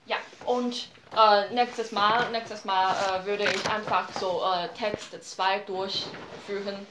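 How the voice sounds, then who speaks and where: A woman's voice: mid-range voice, flat delivery, noisy background. Patient woman teaching in a roomy classroom. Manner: patient, repeats each phrase and explains slowly. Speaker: language teacher. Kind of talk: classroom language lesson.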